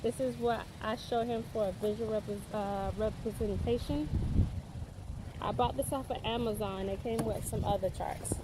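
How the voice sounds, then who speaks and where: A young woman records herself teaching her small child in a park, speaking casually with sing-song cues for the toddler in a vlog-style lesson. Her voice is on the high side, steady, and moderately paced, with outdoor background noise around her.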